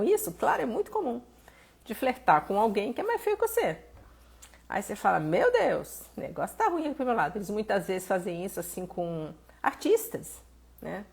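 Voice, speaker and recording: A Brazilian woman therapist talking casually on a live stream, reading out viewers' messages and answering them with animated, acted-out exclamations. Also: fairly low pitch, slightly rough. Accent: Brazilian Portuguese. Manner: animated, conversational, reads viewer messages aloud and acts out exclamations.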